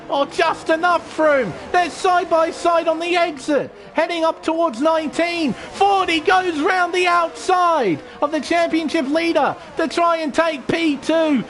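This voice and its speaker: Guy doing excitable motorsport race commentary, really high voice, faint car noise behind. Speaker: motorsport commentator for online sim racing.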